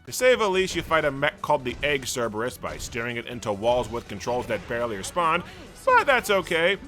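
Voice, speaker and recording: A man narrates a scripted video game review as a voice-over with faint music underneath. His mid-range voice is sharp-toned, very animated, and fairly quick, and he rants sarcastically with frequent swearing.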